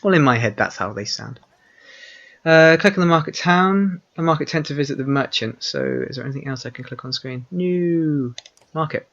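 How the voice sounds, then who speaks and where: Gravelly man reading game lines aloud. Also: a little high, animated, normal speed, a bit bright, highs cut off. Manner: reads lines aloud with stumbles, self-corrections and laughs. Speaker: gameplay host reading game dialogue aloud. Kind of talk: casual let's-play commentary with read-aloud dialogue.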